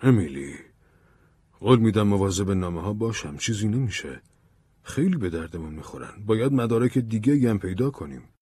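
A man playing an earnest, persistent investigator who presses and persuades, in a low, husky voice. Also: expressive, mellow, dry recording. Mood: urgent. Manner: insistent, persuasive. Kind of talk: audiobook drama reading.

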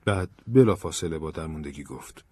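A man narrating an audiobook in a calm, even storytelling manner. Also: extremely low pitch, breathy edge, no echo. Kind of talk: scripted narration.

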